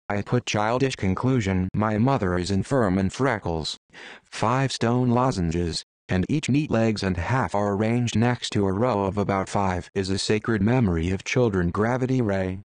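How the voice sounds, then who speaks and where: A man reads a story aloud in a low voice, flat and a little halting. The recording is dry and close, with no room sound. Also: no echo. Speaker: reader.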